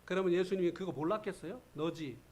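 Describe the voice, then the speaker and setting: Animated high-voiced preacher. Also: male voice, moderate pace. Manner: animated storytelling, acting out quoted voices. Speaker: pastor. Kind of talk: revival sermon. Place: church.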